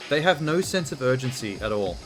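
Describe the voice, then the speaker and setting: A man commentates on a game in an ordinary mid-pitched voice, with music clearly behind him. He is casual and blunt, with exasperated asides, and reads on-screen text aloud as he goes. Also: sing-song, fairly quick. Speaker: host of a video game playthrough.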